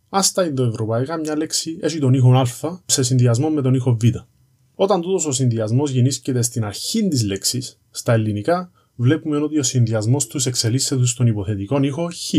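Mellow, husky Cypriot Greek man narrating. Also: mid-range voice, animated. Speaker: presenter of an educational series on language history. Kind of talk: conversational scripted narration, explaining and storytelling.

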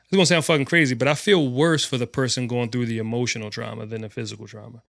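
A man's voice: medium pitch, steady tone, quick pace, vocal fry, fairly bright tone, no echo. Blunt profane man, dry close mic. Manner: blunt, profane, rambling with many fillers. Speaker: podcast co-host. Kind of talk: casual podcast debate.

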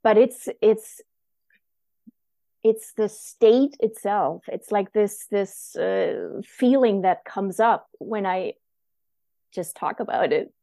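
Slow, mellow-voiced woman. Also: medium pitch, vocal fry, dry recording. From Germany. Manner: halting, reflective, heartfelt. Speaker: guest. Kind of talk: casual conversation.

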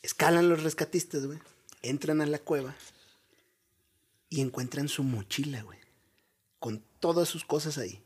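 A man with a Mexican accent tells a mystery story in an easy chat, tossing in slang and one rhetorical question after another. His voice sits a little high for a man and has a husky, grainy edge. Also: normal speed, pauses often. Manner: animated, drops "güey" constantly, rhetorical questions.

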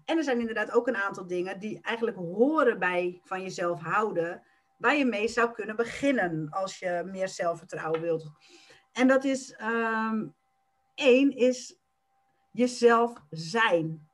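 A woman coach in a podcast interview who explains how to stop self-criticism and sometimes acts out quick bursts of inner self-talk. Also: medium pitch, expressive.

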